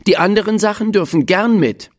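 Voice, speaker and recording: A narrator voicing a patient but firm female schoolteacher who quizzes her class in a bright, coaxing tone, in a children's storybook reading. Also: mid-range voice, a little fast, pitched above the performer's own voice, close to an everyday voice. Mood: instructive. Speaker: class teacher.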